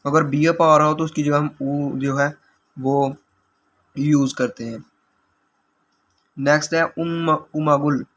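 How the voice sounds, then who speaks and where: A man's voice: a little high, fairly even intonation, slow pace, long pauses, a bit bright. A man teaching language exam questions, explaining answers patiently step by step.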